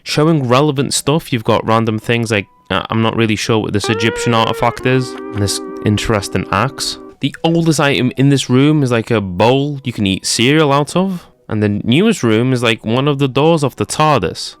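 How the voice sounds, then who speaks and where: A man's voice: mid-range voice, lively intonation, moderate pace, hardly any pauses, dry recording, soft background music. Wisecracking young man narrating. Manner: jokey, sarcastic asides. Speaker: YouTube creator. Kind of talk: scripted tech-comedy narration.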